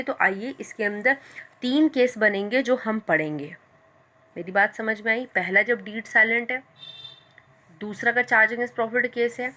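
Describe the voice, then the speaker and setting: A woman teaches a class in a bright voice at an ordinary pitch. She explains each point step by step and slows down to read English lines aloud. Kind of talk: classroom-style lecture.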